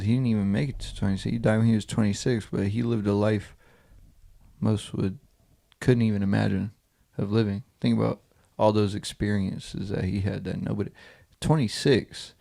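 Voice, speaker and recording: Gravelly young man musing on a podcast. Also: lowish voice, level tone, normal speed, warm tone. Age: 20s. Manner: reflective, rambling, many restarts. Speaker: podcast co-host. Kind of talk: casual chat.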